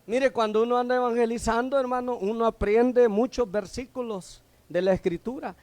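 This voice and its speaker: A Salvadoran deacon preaches in a very high male voice. He peppers the congregation with questions and waits for their answers. His voice is recorded close and dry, with almost no room sound. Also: steady tone, moderate pace, a little mellow, dry recording. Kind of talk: sermon.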